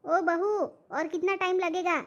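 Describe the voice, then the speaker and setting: A woman's voice: very high voice, fairly even intonation, moderate pace, lo-fi sound. A woman playing a greedy, demanding old mother-in-law who keeps bossing her daughter-in-law about food. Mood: impatient. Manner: nagging, bossy.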